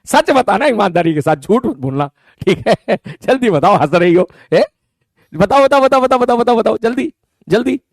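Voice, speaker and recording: Playful high-pitched teacher. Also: male voice, expressive, creaky, dry recording, clean studio sound. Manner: playful teasing, repeats words in rapid runs; breaks into high mock voices when quoting students. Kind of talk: casual live online class banter.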